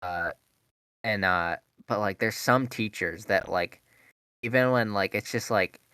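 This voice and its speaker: A man's voice: lowish voice, a little slow, bright, forceful tone, clean tone, dry recording. A young man hosting a podcast, telling a rambling, profane story in a casual chat and laughing along. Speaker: podcast host.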